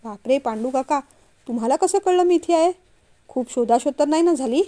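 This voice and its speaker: A woman's voice: high voice, animated, a little fast, warm tone. A woman voicing a sulky, childish young man who pleads and whines to his father in a storybook reading. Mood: earnest. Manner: pleading, whiny.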